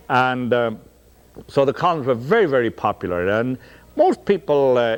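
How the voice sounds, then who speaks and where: A man's voice: mid-range voice, a little mellow. A middle-aged man with a Dublin Irish accent, a stage actor chatting in an interview with frequent ums and restarts. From Ireland. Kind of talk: casual interview talk.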